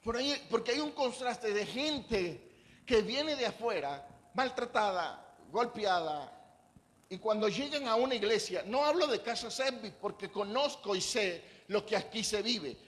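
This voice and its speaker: Male pastor, high voice, conversational preaching style with quick asides to the congregation. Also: animated, fairly bright tone. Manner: preaches conversationally, asks the congregation questions, acts out quoted voices. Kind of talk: sermon. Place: church.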